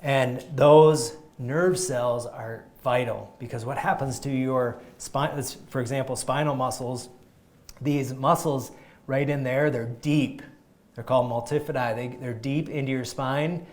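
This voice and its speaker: Speaking in a mid-range voice at a slightly slow pace, this chiropractor energetically addresses a group on health. He's emphatic and keeps restarting sentences as he goes.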